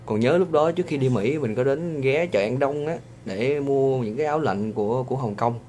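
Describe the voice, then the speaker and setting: Southern Vietnamese man, mid-range voice, casual advice monologue, chatty with drawn-out hesitations, faint background noise. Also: medium pitch, a little mellow. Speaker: vlogger giving advice.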